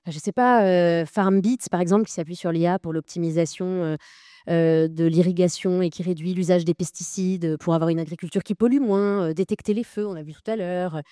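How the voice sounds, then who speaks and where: A woman's voice: lowish voice, fairly even intonation, a little fast, warm tone, dry recording, clean studio sound. A woman moderating a debate, asking long questions with many filler sounds.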